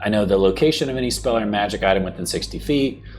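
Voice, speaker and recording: A man's voice: on the low side, fast talker. A man chatting casually as a player at a tabletop role-playing game.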